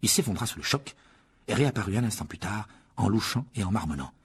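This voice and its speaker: Husky low-voiced male narrator. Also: lively intonation, fast talker. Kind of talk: audiobook narration.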